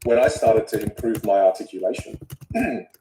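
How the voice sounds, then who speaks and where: A man with an Australian accent, a guest speech coach whose first language is Vietnamese, talking in an animated, emphatic way. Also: lowish voice, moderate pace, noisy background. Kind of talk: casual conversation. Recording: roomy echo.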